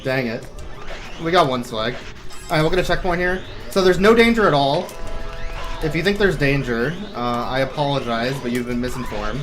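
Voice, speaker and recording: Over loud game music, a man speedruns a video game while offering casual, wry, joking live commentary. His voice is medium-pitched and animated, at a moderate pace.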